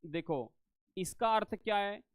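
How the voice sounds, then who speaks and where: High, crisp male teacher voice. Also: measured pace, dry recording, clean studio sound. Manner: repeats phrases and quizzes students; addresses students as beta, asks if they understand. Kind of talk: live online exam-prep class.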